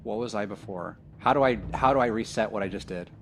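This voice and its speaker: A man's voice: on the low side, quick pace, a bit bright, faint music behind. A man chatting casually as a tabletop role-player, jokey and sweary, acting out his character as he goes. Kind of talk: casual game chat.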